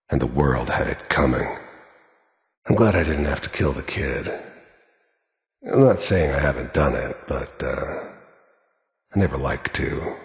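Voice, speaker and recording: This heavily acted male voice is very deep, gruff and cold, an American mercenary in a video game's monologue and dialogue. The character is hardened, cynical, menacing and world-weary, speaking tersely, sardonically and matter-of-factly in an echoey, hall-like space.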